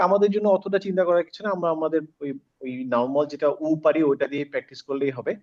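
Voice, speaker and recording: Patient male tutor, slightly high voice, muffled call audio. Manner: patient, repeats sounds slowly, asks students questions. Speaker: Quran recitation teacher. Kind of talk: online class lesson.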